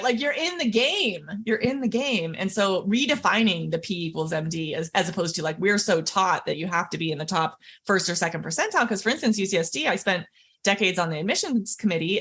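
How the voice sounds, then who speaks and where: A middle-aged woman, a physician, telling her story as a podcast guest, animated and often laughing. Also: mid-range voice, fairly quick, breathy edge.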